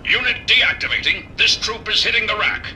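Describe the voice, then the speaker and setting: A glitching medical robot, announcing procedures and diagnostics in clipped machine phrasing as errors break through. The voice sits somewhat high and cuts with a very bright, sharp edge. Soft game music plays underneath. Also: male voice, moderate pace, rough recording. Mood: glitchy procedural. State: malfunctioning, repeating error messages. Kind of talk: video game character dialogue.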